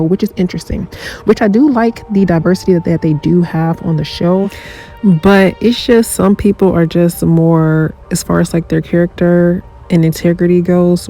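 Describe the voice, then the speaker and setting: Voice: medium pitch, gravelly, warm tone, low-quality recording. A chatty reviewer who is congested from a cold, rambling casually through a show review with plenty of fillers. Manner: rambling, conversational, lots of fillers.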